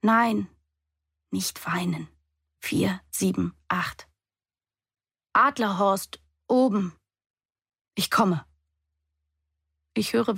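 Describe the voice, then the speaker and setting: Woman narrating an audiobook, quiet and intimate, low gravelly voice, dry close sound. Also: dry recording. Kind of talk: first-person novel reading.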